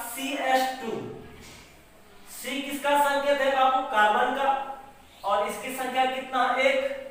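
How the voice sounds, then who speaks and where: A man's voice: very high-pitched, fairly bright tone. A man teaching a chemistry class. He asks his students questions and answers them himself. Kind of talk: classroom lecture. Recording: echoey room, voice far from mic.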